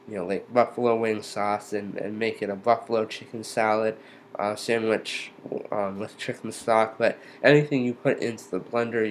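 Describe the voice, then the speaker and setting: Slow, halting man with stiff post-surgery jaw. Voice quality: slightly impeded articulation from numb lower jaw and lip after jaw surgery. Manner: halting, hesitant delivery. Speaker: vlogger giving a surgery recovery update. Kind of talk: casual unscripted update talk. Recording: noticeable background noise, room ambience.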